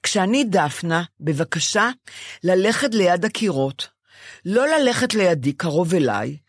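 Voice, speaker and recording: Woman, older, casual chat, lively pitch, animated storyteller, dry close sound. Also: slightly rough, dry recording. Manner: animated storytelling, acting out her own past lines. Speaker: podcast co-host.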